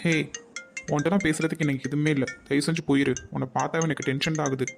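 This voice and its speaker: A woman's voice: deep voice, steady tone, quick pace, creaky, voice pushed down. A woman voicing a rude, irritable young man in a cartoon, harsh and dismissive. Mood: scornful. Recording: loud music behind voice.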